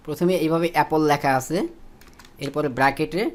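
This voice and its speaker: A man's voice: on the high side, fairly even intonation, a little fast. Tutorial voice-over: a man walking through spreadsheet steps, with fillers and self-corrections. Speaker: instructor. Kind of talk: screen-recorded spreadsheet tutorial.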